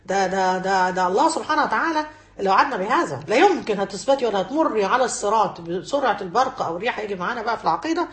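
A woman's voice: mid-range voice, roomy sound. An Egyptian woman teaching a religious lesson to women, earnest, repeating key phrases and quoting scholars. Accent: Egyptian Arabic.

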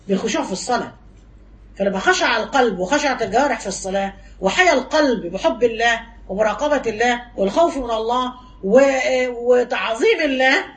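A woman with an Egyptian Arabic accent giving a religious lesson to women, animated and teasing, mimicking gossip and firing off rhetorical questions. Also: a little high. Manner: rapid-fire rhetorical questions. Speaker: religious teacher.

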